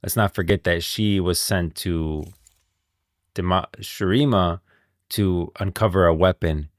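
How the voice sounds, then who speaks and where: Thinking aloud as a game streamer, a low-voiced man offers live lore commentary, rambling casually and often repeating himself. He talks a little slowly, and the audio is dry with no room echo.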